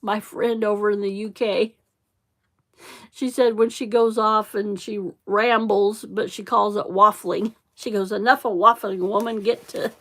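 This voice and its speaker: A middle-aged woman with a Central Illinois accent chats casually during a craft livestream, taking things slow and unhurried. Her mid-range voice is fairly bright with fairly even intonation. Chatty and prone to drifting off topic, she occasionally mutters to herself while she works.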